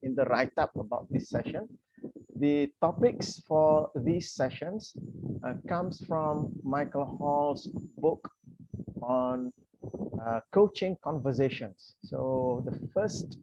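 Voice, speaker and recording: A man's voice: fairly high pitch, lively intonation, takes it slowly, noisy background. A man coaching and hosting an online session, speaking courteously and explanatorily with many "uh" fillers and restarts. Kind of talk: welcoming, explanatory talk with fillers. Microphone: video call. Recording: dull lo-fi video call audio.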